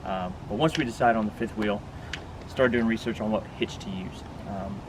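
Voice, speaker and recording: Man, lowish voice, casual vlog explainer, plain-spoken, instructive, outdoors, noticeable wind and traffic noise. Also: moderate pace. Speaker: RV vlogger giving a product walkthrough. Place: outdoors beside a pickup truck bed.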